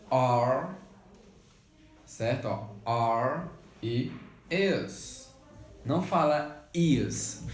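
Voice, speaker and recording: Slow, patient Brazilian male teacher. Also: medium pitch, a little mellow, echoey room, slight background noise. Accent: Brazilian Portuguese. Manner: patient, repeats checks like "tá certo?" and "beleza?"; asks questions and answers them himself. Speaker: English teacher. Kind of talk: remote school lesson.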